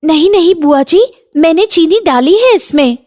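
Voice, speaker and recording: A woman's voice: very high-pitched, lively intonation, moderate pace, a little mellow, pitched above the performer's own voice. A woman voicing a polite young daughter-in-law in a cartoon, eager to please. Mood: flustered. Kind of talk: Hindi cartoon voice acting.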